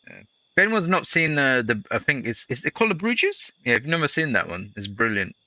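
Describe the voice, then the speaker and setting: A man's voice: mid-range voice, big pitch swings, a little fast, pushed and bright, dry recording. A man hosting a let's play, giving casual gameplay commentary that rambles into chatty, jokey storytelling.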